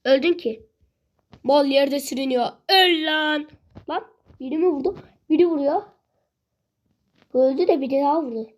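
High-voiced grumbling woman gamer. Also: moderate pace, pauses often. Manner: impatient, grumbling, repeats herself; shouts excitedly during fights. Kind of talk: casual gameplay commentary.

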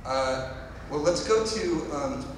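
A man's voice: medium pitch, expressive, slow. A man moderating a panel discussion on stage, explaining in long, winding sentences. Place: stage of a large indoor hall with audience. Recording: echoey hall, distant and noisy.

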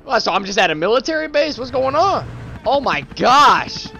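A man doing casual, slangy gaming commentary as a loud, excitable frat bro, whooping and exclaiming, his voice strained from yelling. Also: extremely high pitch, moderate pace, creaky, dull audio. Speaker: let's play streamer. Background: game music and sound.

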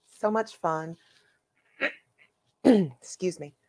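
A woman hosting her own coloring channel, chatting casually and haltingly with plenty of fillers as she shows her finished pages. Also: fairly low pitch, animated, dry recording. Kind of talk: casual show-and-tell.

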